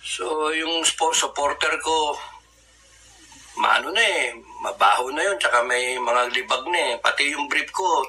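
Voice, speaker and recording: A man's voice: mid-range voice, pushed and bright, slight background noise, low-quality recording. A man from the Philippines casually recounting a survival story, chatty, laughing at his own tale and acting out the lines of the people in it.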